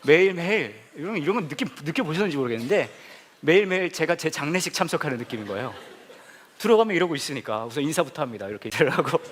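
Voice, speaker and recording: Male pastor, comic preacher, higher voice swinging widely, playful storyteller with bursts of exclamation. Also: sing-song, fast talker, a bit bright. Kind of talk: humorous sermon. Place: church hall with a laughing congregation.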